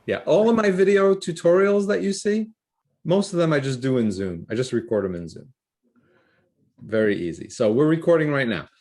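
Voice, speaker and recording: A man's voice: a little high, lively intonation, moderate pace, darkish tone. Upbeat man hosting a video call workshop. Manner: upbeat, enthusiastic explaining. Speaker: workshop host. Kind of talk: casual instructional talk.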